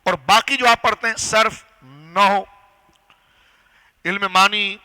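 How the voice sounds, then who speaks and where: Bright high-voiced male preacher lecturing. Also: steady tone, clean tone, rough recording. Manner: didactic, rhetorical questions to audience. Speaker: Islamic scholar and preacher. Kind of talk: religious lecture. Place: gathering hall.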